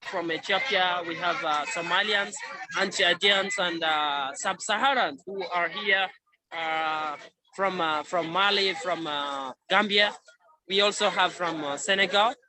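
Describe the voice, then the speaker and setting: A man's voice: high-pitched, poor audio. Refugee spokesman, man, insistent testimony; crowd behind. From South Sudan. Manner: earnest, insistent, halting. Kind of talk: press conference testimony over a call. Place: outdoor protest sit-in. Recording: crowd noise from an outdoor protest.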